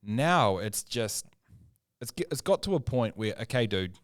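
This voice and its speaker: On a laid-back sports podcast, a Kiwi co-host makes his case with strong opinions and mounting energy. He speaks at a medium pitch with big swings in intonation but never hurries, and the studio-quality sound has no echo.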